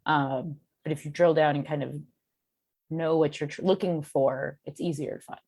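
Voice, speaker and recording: Podcast guest, woman, low voice, chatty and self-deprecating, dry close mic. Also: steady tone, normal speed, a little mellow, dry recording. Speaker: guest, cartoonist and beer educator. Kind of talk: casual podcast chat.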